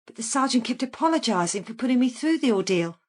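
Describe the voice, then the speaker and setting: In a naturalistic radio drama, a calculating female killer calmly confesses during a police interview in a cold, high voice. She speaks quickly and expressively, matter-of-fact and unrepentant as she reminisces.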